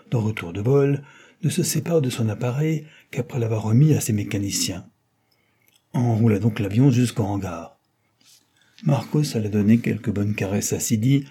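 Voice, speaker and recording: A man narrating a novel in an audiobook, in a measured, even storytelling manner. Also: on the low side, slightly rough. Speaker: audiobook reader.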